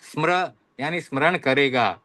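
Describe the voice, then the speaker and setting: Teacher, male, fairly high voice, slow patient drill recitation, dry close sound. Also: pushed and bright, no room sound. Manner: recites verb forms slowly and repetitively, checks in often. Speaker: Sanskrit teacher. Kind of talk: online class lesson.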